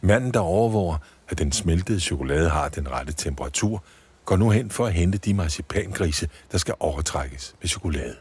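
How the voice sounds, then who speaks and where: A man reading a Christmas story for children, with expressive storybook narration. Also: sits low, breathy edge.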